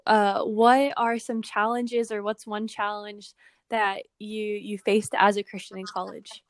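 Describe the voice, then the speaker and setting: A woman's voice: medium pitch, flat delivery, a little slow, no room sound. A woman co-hosting a podcast interview, reacting upbeat with short remarks and asking questions. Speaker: podcast co-host. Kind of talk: casual interview.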